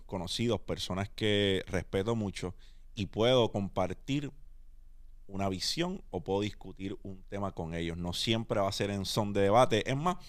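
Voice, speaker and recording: A Puerto Rican man with a fairly low voice hosts a casual podcast. He talks with energy and drops English words into his Spanish. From Puerto Rico. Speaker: podcast host.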